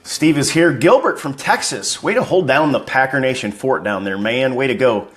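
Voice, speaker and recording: A man's voice: medium pitch, lively intonation, normal speed. A man hosting a live fan stream, greeting viewers by name and chatting casually about football news.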